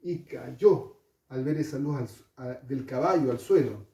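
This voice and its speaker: A man's voice: mid-range voice, unhurried, gravelly, dark tone. A male pastor, preaching a storytelling sermon and putting questions to the congregation. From Chile. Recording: echoey hall, distant mic.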